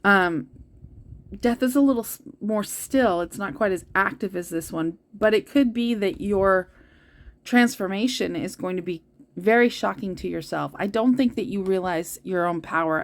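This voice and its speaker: A woman giving a heartfelt tarot reading, talking earnestly and directly to her listeners. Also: lowish voice. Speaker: tarot reader. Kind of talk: spiritual tarot reading to viewers.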